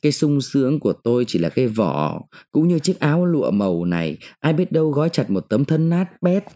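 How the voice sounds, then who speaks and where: A male narrator voicing a sharp-tongued, defiant mandarin's wife who scolds and taunts her husband. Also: mid-range voice, very animated, brisk. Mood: scornful.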